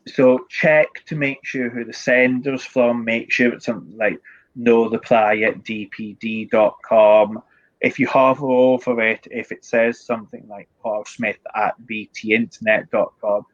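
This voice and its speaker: A man's voice: medium pitch, fairly bright tone, dull audio. Man with a strong Scottish accent. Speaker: IT support director, guest. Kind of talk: informal explanatory talk with tips.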